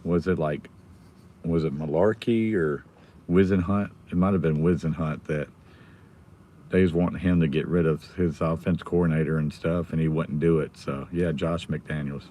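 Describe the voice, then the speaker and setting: An American man with his voice nearly gone, chatting casually and quietly as a livestream host while sitting in a car. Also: a bass voice, steady tone, normal speed. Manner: subdued, holding the volume down. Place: inside a car in a school pickup line. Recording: noticeable background noise in a car.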